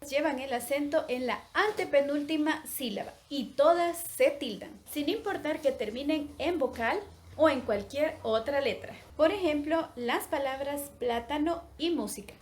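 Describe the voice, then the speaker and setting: A woman teacher giving a recorded grammar lesson for young pupils, explaining slowly and clearly, breaking words into syllables. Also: high-pitched, slight background noise.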